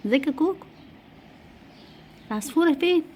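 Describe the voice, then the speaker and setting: Woman, Egyptian accent, high voice, mellow tone, gentle sing-song coaxing, faint birdsong hiss behind. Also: expressive, brisk. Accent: Egyptian Arabic. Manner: soft, coaxing, sing-song pet talk. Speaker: pet channel host. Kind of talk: casual talk to a pet cat. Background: faint birdsong outdoors.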